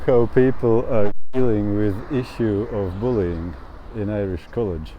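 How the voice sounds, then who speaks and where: A man in his thirties from Latvia, speaking in a slow, thoughtful personal monologue and laughing often as he talks. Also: on the low side, fairly even intonation, dull audio, slight background noise. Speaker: travel vlogger. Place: outdoors in a town.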